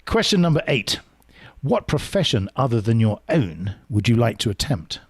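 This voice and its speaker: A man hosting a podcast, playful and chatty as he jokes and works through a list of quick questions. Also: medium pitch, big pitch swings, breathy edge. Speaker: podcast host. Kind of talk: casual interview, rapid-fire questions.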